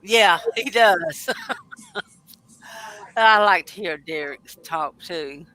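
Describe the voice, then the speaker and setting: A woman's voice: fairly low pitch, very slow, pushed and bright, rough recording. A woman, talking casually as a regular on a panel. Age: 80s. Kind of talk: casual chat.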